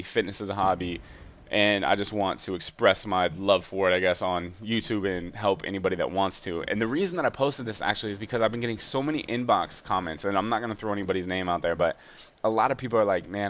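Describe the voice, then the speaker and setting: Fast-talking young man, low voice. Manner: fast, energetic and chatty. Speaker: gaming YouTuber giving fitness advice. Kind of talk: casual commentary over gameplay.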